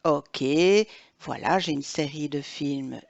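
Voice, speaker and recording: A woman teacher talking through a software tutorial step by step, thinking aloud as she clicks through each action. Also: deep voice, steady tone, takes it slowly, creaky. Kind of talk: screen-recorded software tutorial. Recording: dull lo-fi dry recording.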